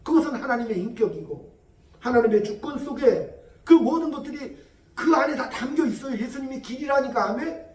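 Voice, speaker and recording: A male pastor preaching a Sunday sermon, acting out dialogue in a lively way. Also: very high-pitched, normal speed. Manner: lively preaching, acting out God's lines to Job. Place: church sanctuary. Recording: echoey hall from far off.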